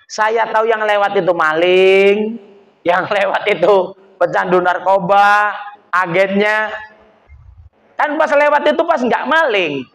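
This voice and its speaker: A man's voice: high-pitched, slow pace, long pauses, a bit bright. A male religious teacher with a Medan Indonesian accent giving an Islamic study sermon, explaining Arabic terms and acting out quoted speech. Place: mosque study gathering.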